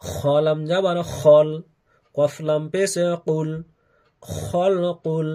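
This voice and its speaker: Male Quran teacher, fairly high voice, very slow and deliberate, spelling letters and chanting words in repeated drawn-out recitation. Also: steady tone, mellow. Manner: drawn-out chanted recitation of each word, repeated three times.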